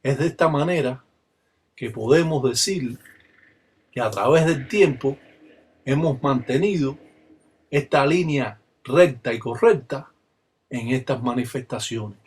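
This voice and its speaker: A man's voice: mid-range voice, unhurried, long pauses, slightly rough. An older man with a Cuban Spanish accent, a religious elder giving a solemn spoken teaching that breaks into rhythmic chanted phrases. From Cuba. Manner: solemn, insistent, bursts into rhythmic chanted call-and-response phrases.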